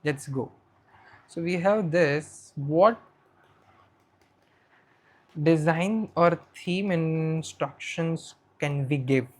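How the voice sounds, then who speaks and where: A man's voice: a little high, drawn-out words, long pauses. Chatty Indian man teaching on screen. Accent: Indian English. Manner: chatty, thinks aloud while working on screen. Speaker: educator for accounting students. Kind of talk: casual screen-share tutorial.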